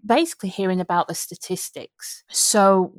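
A woman's voice: mid-range voice, moderate pace, no echo, clean studio sound. A woman from Yorkshire, a researcher and book author, talking in a panel discussion with frequent restarts. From Yorkshire, England.

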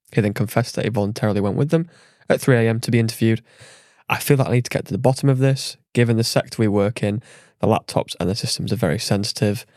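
A man's voice: on the low side, a little mellow, no room sound. Man co-hosting a podcast, dry sound. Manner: playful, brisk interjections. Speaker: podcast co-host. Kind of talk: casual chat, reading out a listener email.

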